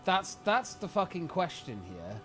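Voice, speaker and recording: A British man doing casual live-stream commentary over a game, full of exasperated, profane ranting. His pitch swings widely as he talks, and faint game music plays behind him. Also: sing-song, a little slow, sharp tone. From United Kingdom. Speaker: streamer playing a video game.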